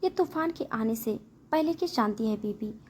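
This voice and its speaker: A woman's voice: a little high, expressive, moderate pace, darkish tone, slight background noise, close to an everyday voice. A woman voicing a brooding young husband who speaks solemnly and intensely to his wife.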